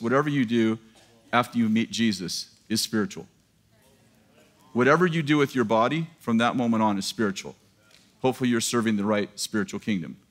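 A pastor in his fifties, wearing a headset mic, preaches to a live congregation in a large church auditorium. His voice is medium-pitched and a bit bright, and he keeps things casual and joking, laughing at his own lines.

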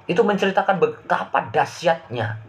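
A man with a fairly high voice preaching as a pastor. He reads a scripture passage aloud, then explains it in plain words. He keeps calling his listeners beloved brothers and sisters. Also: animated, moderate pace. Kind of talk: sermon with scripture reading.

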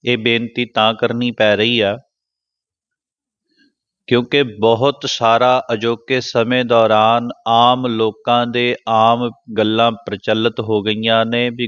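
Male Sikh preacher, mid-pitched, dry and slightly dull close recording, intones verses slowly. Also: a bit bright, clear, resonant tone, no echo. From Punjab. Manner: chants scripture lines slowly, explains quickly in between. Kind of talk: Sikh religious discourse.

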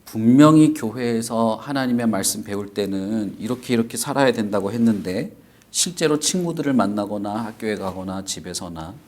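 A man's voice: mid-range voice, a little mellow. A man telling a Bible story to children as a Sunday school teacher, asking them questions and reading their chat replies. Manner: reads and answers live chat.

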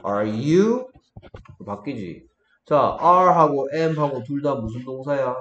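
Male tutor, mid pitch, coaxing, keeps checking understanding, echoey room. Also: expressive, slow, a bit bright, highs cut off, slight background noise. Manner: coaxing teacher, many check questions. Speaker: English tutor. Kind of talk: one-on-one English lesson in Korean.

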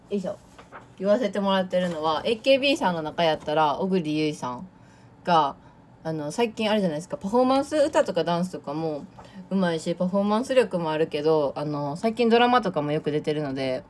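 A woman's voice: lowish voice, slight background noise. A young woman in her late teens from Tokushima with a Kansai accent and a touch of Awa dialect, chatting casually on a livestream and reading out viewer comments with a bubbly, laughing manner. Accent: Kansai Japanese with Awa dialect touches. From Tokushima, Japan. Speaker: idol audition livestreamer.

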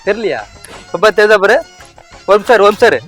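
High, lively man playing a drunk street rowdy. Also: quick pace, music in the background. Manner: slurring, needling, repeats himself, pretends to be drunk. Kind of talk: street prank comedy.

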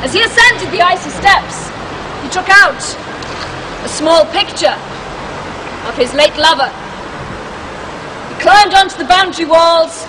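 A woman guiding a ghost tour, telling a spooky tale theatrically with dramatic, ominous pauses. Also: very high voice. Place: outdoors on broad stone steps at dusk. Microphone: camera a few metres away. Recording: noisy outdoor street recording with crowd.

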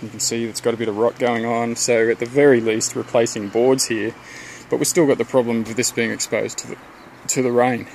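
A homeowner gives a casual, think-aloud renovation tour outside, under a deck and in a garden, filming on a handheld camera he holds. His medium-pitched voice is creaky and unhurried, and he frequently halts to rework his sentences. The recording is rough, with a faint hiss underneath.

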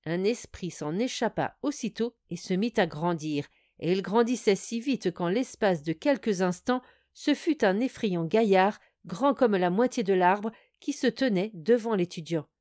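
A woman's voice: mid-range voice, lively intonation, a little slow, darkish tone, dry recording, clean studio sound. Woman narrating a fairy tale. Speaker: audiobook narrator. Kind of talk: storybook audio reading.

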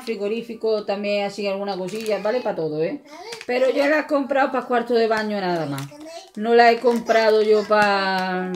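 Vlogger, Andalusian woman, slightly high voice, chatty and jokey, home recording with faint hiss. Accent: Andalusian Spanish. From Andalusia, Spain. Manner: chatty, jokey, talks to viewers as friends. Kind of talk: casual shopping haul vlog. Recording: faint background noise.

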